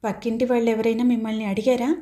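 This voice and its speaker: Give me an anxious young wife, as a woman reads her, questioning and insistent, in a light mellow voice. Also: a little high, flat delivery, fast, natural voice. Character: anxious young married woman, pleading then pressing.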